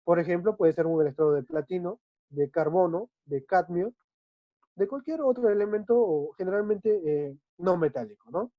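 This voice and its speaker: A male chemistry teacher explaining a lesson patiently, often checking understanding with quick tag questions. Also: high voice, animated, dry recording. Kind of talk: online class explanation. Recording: dull dry lo-fi recording.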